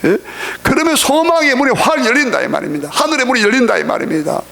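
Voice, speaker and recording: A man's voice: very high-pitched, big pitch swings, fast, vocal fry, bright, forceful tone. A male pastor preaching a sermon in a church, emphatic and repetitive, often asking the congregation questions.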